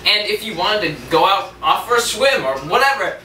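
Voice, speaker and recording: A young man playing an eager younger brother pitching schemes. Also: moderate pace, heavily acted. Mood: excited. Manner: eager, pitching ideas excitedly. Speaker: student actor. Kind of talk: amateur scene acting. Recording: roomy, distant camera mic, faint hiss.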